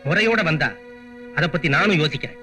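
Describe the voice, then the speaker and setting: An actor playing a proud but poor father who speaks gravely and pleads. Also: a little high, a little fast, bright, forceful tone, soft background music.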